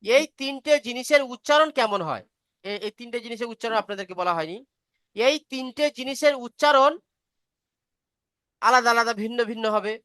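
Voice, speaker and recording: A woman's voice: a little high, expressive, a little fast, pauses often, a bit bright, smooth, dry recording, clean studio sound. A woman teaching a beginner reading class online, patiently explaining step by step and asking if students follow.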